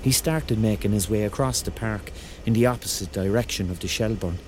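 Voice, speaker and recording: In a colloquial radio drama, an actor voices an excitable thirty-year-old Corkman who rambles through a wry, first-person tale of a surreal night out, mixing narration with dialogue. His Cork Irish voice sits lowish and natural, the pace brisk, with a slight hiss or hum in the background.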